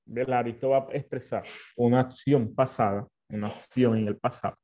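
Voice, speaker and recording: A man teaching a Bible lesson, explaining slowly and often repeating and correcting himself. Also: mid-range voice, fairly even intonation, dark tone.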